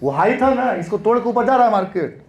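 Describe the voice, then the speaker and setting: A man's voice: high-pitched, lively intonation, fast talker, gravelly. A man teaching a trading lesson in a classroom style, repeating points and answering his own questions.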